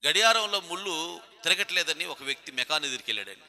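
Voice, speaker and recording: A man's voice: on the high side, animated, fast talker, pushed and bright. A man preaching a sermon with a Telugu accent, emphatic and repetitive, firing rhetorical questions and calling on listeners by name. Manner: addresses congregation members by name. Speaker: pastor.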